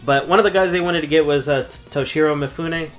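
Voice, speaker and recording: A man's voice: a little high, fast, soft background music. Laid-back man chatting about a movie. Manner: laid-back, profane, laughing often. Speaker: podcast co-host. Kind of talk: casual movie chat.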